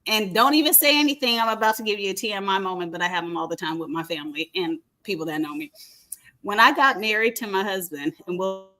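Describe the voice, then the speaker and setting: A woman, hosting a candid chat, telling animated stories and often laughing. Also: medium pitch, quick pace. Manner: animated storyteller, laughs often, acts out quotes. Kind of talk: candid casual talk-show chat.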